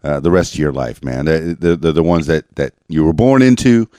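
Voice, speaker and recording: A man hosting a podcast interview, talking with many halting fillers and restarts. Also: rumbling low, big pitch swings, warm tone, no echo. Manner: halting, filler-heavy, chuckling. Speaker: podcast host. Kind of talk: casual interview.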